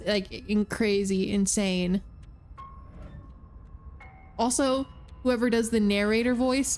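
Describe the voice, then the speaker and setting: Girl streamer chatting over a game, highish voice, takes her time. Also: a little mellow. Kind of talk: casual live game commentary.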